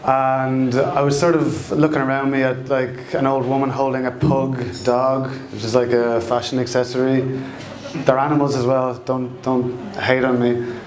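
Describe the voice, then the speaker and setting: A middle-aged Irish man tells a personal story as if by the fireside. His pitch stays very even, and he speaks in a halting, reflective way, feeling for his words. The room around him is noticeably echoey. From Dublin, Ireland. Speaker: storyteller at a live storytelling night. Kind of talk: fireside storytelling, personal anecdote told live. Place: indoor live storytelling event, echoey room.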